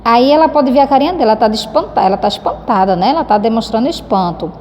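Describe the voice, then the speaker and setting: Brazilian woman teacher, higher warm voice, affectionate, echoing room with faint hiss. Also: animated, fast. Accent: Brazilian Portuguese. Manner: affectionate, keeps checking in with "tá?". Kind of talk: recorded lesson explaining a textbook. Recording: reverberant room with faint background noise.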